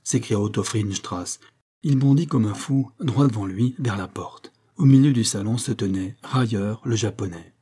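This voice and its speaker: Man narrating audiobook, low voice, mellow and husky, steady storytelling. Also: normal speed, hardly any pauses. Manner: steady storytelling, raising voice for dialogue. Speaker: audiobook reader. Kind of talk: scripted narration.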